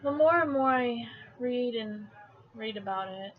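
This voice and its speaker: A woman's voice: fairly high pitch, unhurried. A woman asking questions in a casual, conversational interview. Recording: dull lo-fi sound, background noise.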